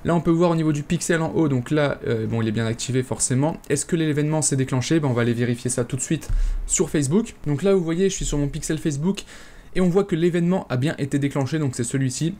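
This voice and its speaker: A man's voice: a little high, fast, dark tone. A man hosting a casual screen-share tutorial, talking straight to viewers with frequent hesitations and fillers. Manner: chatty, many "euh" fillers, addresses viewers directly. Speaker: e-commerce tutorial host.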